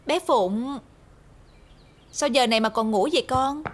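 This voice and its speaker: A woman's voice: on the high side, measured pace, slight background noise, lightly acted. An actress as a frantic young mother. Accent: Southern Vietnamese. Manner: tender, then frantic calling. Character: young mother, loving wife. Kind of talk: TV drama acting.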